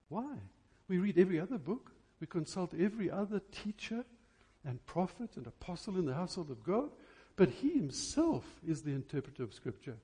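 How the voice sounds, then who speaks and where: A man's high-pitched, dark-toned voice rings out in a passionate church sermon. He is emphatic, stressing key words on purpose and throwing in rhetorical questions.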